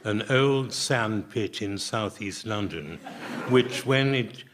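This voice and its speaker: A man on a comedy panel game, speaking in a dry, terse, deadpan way. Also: on the low side, slow. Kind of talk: witty panel game talk.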